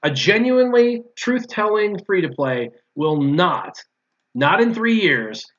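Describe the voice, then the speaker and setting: With a high, a bit bright voice, very animated yet taking it slowly, a man shares strong opinions casually as a guest in a gaming talk. He used to play mobile games and repeats his points for emphasis; the recording is dull and lo-fi.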